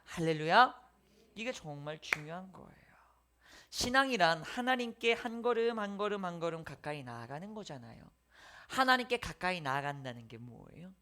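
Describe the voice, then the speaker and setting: Pastor, male, bright voice, lively sermon delivery, swings from loud to whispered lines. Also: high voice, fairly quick.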